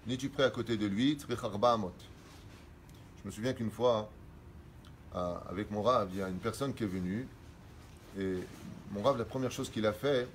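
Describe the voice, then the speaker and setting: A middle-aged man, a rabbi, teaching religious law and explaining quickly read Hebrew sources in French. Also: medium pitch, slight background noise.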